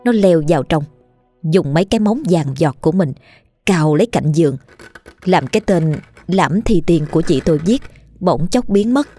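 A woman reading a horror story aloud in a steady, measured and grim narration. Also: lowish voice, soft background music.

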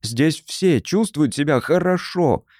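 A man's voice: fairly high pitch, lively intonation, slow, darkish tone, no echo, studio quality. A man voicing a thin, timid and very polite little man with a reedy voice, in an audiobook. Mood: polite puzzlement. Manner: very polite, puzzled.

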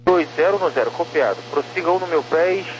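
A man working as an air traffic controller, giving terse clearances and number readbacks in clipped radio phraseology over a two-way radio transmission. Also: fairly high pitch, a little fast, muffled recording. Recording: noisy radio channel with hiss.

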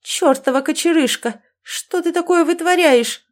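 A woman voicing a shrill, bossy mother. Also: lively intonation, normal speed, natural voice. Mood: scolding. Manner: shrill scolding, shouting. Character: loud bossy middle-aged mother, excitable. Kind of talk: audiobook character voice.

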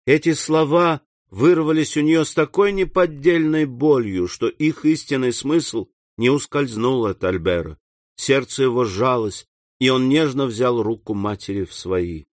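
Measured male audiobook narrator. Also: medium pitch, dry recording, clean studio sound. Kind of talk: scripted narration of a classic novel.

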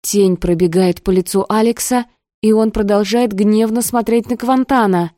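An audiobook narrator reads a first-person novel aloud in a steady, expressive storytelling voice that is mellow and warm, mid-range, and moderately paced. The recording is dry and close, with no room sound or echo.

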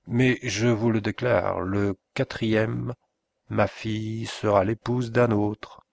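A man's voice: on the low side, fairly even intonation, slow pace, gravelly. A man reading the part of an indignant middle-aged forest inspector and father, speaking with menace in an audiobook. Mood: stern.

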